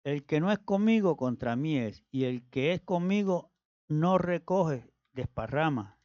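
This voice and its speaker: Man reading scripture in a steady voice. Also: a little high, measured pace, no echo, lo-fi sound. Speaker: scripture reader. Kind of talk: reading Bible passages aloud.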